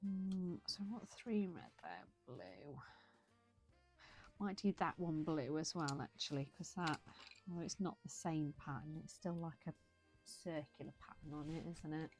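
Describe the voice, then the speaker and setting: A British woman with a low, husky-free everyday voice chats idly while she colours on a livestream. She drifts from thought to thought and corrects herself mid-sentence, sounding a little tired and yawning now and then. Soft music plays faintly behind her. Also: expressive, unhurried. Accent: British English. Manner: rambling, chatty, self-correcting. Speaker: livestream host colouring and chatting. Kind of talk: casual chat while colouring.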